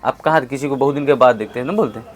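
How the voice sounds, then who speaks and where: A man teaching English in a classroom, calling out prompts loudly and saying model phrases slowly for his students to repeat. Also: mid-range voice. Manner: loud call-and-response prompting, slow drawn-out model phrases. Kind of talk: classroom lesson.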